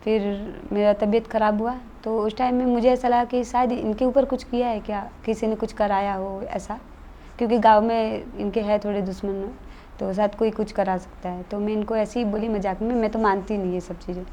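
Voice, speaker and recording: Fairly quick and steady, this woman's medium-pitched, warm voice carries a true personal story shared as an interview guest. Her conversational manner is earnest and matter-of-fact, and there's slight background noise.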